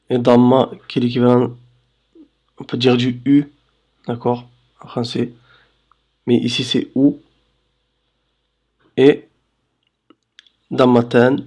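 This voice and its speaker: A man teaching Arabic letters in a slow voice-over lesson, patiently checking understanding and drawing out syllables. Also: medium pitch, a little mellow. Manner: drawls syllables slowly for demonstration. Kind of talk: slow screen-recorded lesson.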